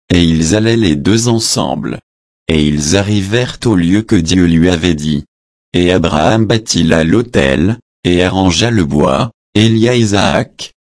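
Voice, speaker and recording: Deep, slow man reading scripture. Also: no echo, clean studio sound. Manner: measured, deliberate reading that voices the footnotes. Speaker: scripture reader.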